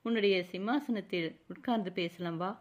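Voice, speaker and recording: A woman's voice: medium pitch, moderate pace, natural voice. A woman narrator voicing a young royal prince who speaks in a mocking, courtly way. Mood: teasing, courtly. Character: young royal prince, teasing then tender.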